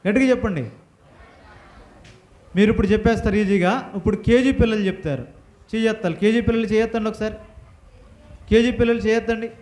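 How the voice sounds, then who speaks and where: A man teaching a Bible lesson to children, firing questions at the class and having them repeat answers loudly. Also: high voice. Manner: quizzing the class with rapid questions. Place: church hall with children. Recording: echoey hall.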